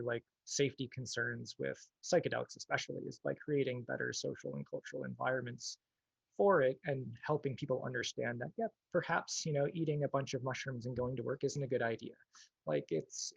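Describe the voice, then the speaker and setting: A man's voice: mid-range voice, gravelly, slightly rough, no echo, poor audio. A man speaking as an activist guest in a casual livestream interview. He is thoughtful and hedges, with plenty of "like" and "you know".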